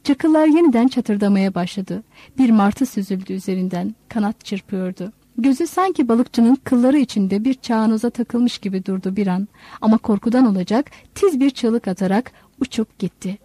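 A woman narrating a literary novel in a measured, storytelling manner. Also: on the high side, warm tone, no room sound. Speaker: audiobook narrator.

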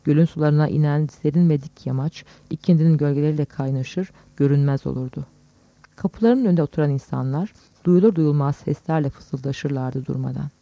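A man calmly reading literary prose aloud as an audiobook narrator, in a measured way. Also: a little high, creaky, dry recording. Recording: dull lo-fi dry recording.

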